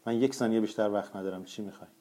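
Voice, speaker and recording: A curt, suspicious wife answers the phone with no patience, as a male narrator reads her lines. The voice stays low and mellow, a plain audiobook read rather than a full character voice. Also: close to an everyday voice. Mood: impatient. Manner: curt and impatient.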